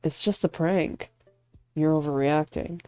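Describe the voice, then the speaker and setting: A woman voicing a smug young male actor who teases and provokes his rival, calm and mocking. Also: deep voice, a little slow, no room sound, soft background music. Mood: smug teasing.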